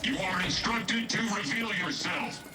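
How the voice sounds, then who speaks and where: A man voicing a stern male security robot in a video game, repeating flat, clipped commands. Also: high-pitched, a little slow, soft background music, exaggerated voice. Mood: commanding.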